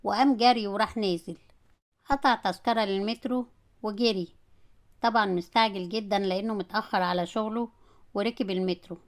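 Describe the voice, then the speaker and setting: A woman with an Egyptian Arabic accent, narrating a comic story in a brisk, animated way. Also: medium pitch.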